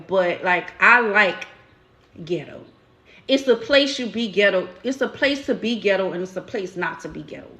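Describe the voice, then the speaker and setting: A woman with a New Orleans accent hosts a casual live-stream chat. She talks in a candid, storytelling way with everyday slang. Her voice sits at a middle pitch. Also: a bit bright, roomy sound. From New Orleans, USA. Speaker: channel host.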